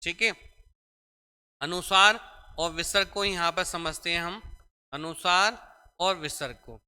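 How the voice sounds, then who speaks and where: A young man lectures on grammar in a classroom, explaining step by step, repeating key points and addressing students as "beta". His high voice is bright, forceful and clean, a little slow, and the room is echoey with long reverb.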